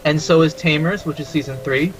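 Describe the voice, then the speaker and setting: A man from Taiwan, a podcast guest, chatting casually and giving his opinions with quick laughs. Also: a little high, fairly even intonation, over music. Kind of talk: casual chat.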